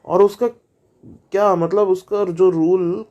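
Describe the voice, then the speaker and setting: A man reacts to a video in a relaxed, casual way, firing off skeptical questions. His voice sits a bit high but sounds mellow and dark, with frequent fillers and self-corrections. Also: slow, highs cut off.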